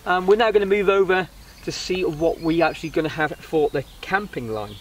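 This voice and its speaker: A high-pitched man reviews budget camping gear to camera on a wooden riverside deck, talking a little fast in a casual, hesitant, rambling vlog style. The camera sits a couple of metres away, so the outdoor recording picks up clear background noise.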